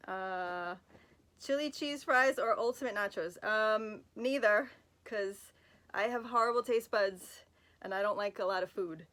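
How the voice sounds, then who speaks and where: At a measured pace and medium pitch, her fairly bright voice has an unmistakable Brooklyn, New York accent. She's in bed with a phone, working through fan questions in a rambling, easygoing way, self-deprecating and heavy on fillers and asides.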